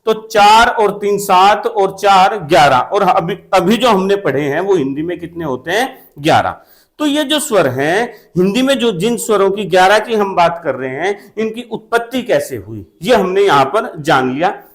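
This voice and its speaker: Male exam-coaching teacher, high voice, repetitive question-and-answer drilling, steady classroom delivery. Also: normal speed, few pauses. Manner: repetitive, asks questions and answers them himself, often checks with "theek hai na". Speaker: Hindi grammar teacher. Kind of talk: exam-prep classroom lesson.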